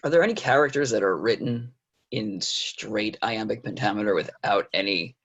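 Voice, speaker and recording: Gravelly, husky male host, lo-fi sound. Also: lowish voice, normal speed, a bit bright. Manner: hesitant, trails off and rephrases questions. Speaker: interview host. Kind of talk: casual interview questions. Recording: dull lo-fi audio.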